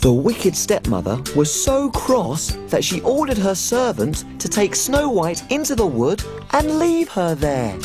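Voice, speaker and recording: A woman's voice: medium pitch, wildly swooping pitch, measured pace, hardly any pauses, music in the background. A woman playing a tiny, cheerful female cook on a children's TV show, bubbly and giggly, telling stories in a sing-song way. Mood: storytelling. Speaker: children's TV presenter. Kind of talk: children's TV acting and storytelling.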